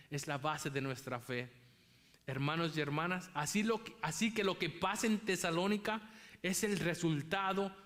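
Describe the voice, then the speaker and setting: A man's voice: a little high, fairly bright tone. A man preaching a sermon as pastor, emphatic and repeating key phrases for weight.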